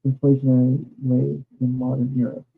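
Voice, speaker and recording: A man on a podcast reading a passage aloud, halting and stumbling over words. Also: mid-range voice, monotone, gravelly, slightly rough. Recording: tinny phone-like line with faint music.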